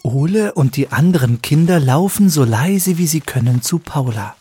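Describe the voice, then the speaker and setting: A man reading a children's story aloud as narrator, with clear, expressive storytelling. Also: on the high side, normal speed.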